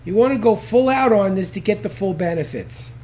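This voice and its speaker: High-voiced, enthusiastic male instructor. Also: lively intonation, brisk. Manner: enthusiastic, counts out loud, calls for passion. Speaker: speed reading instructor. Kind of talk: energetic instructional talk leading an exercise.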